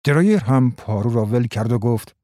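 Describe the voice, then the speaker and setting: A man narrating a story in a measured, even way. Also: medium pitch, dry recording, clean studio sound. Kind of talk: scripted narration.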